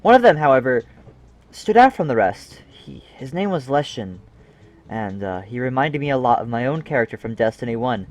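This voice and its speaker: A man's voice: medium pitch, very animated, normal speed. A young man narrates his gaming memories with comic, self-deprecating timing, cursing casually and tossing in asides. His voice sits right in the middle of the usual male range. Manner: self-mocking, jokey, swears, breaks off into laughs and asides. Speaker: gaming video creator. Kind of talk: comedic scripted narration.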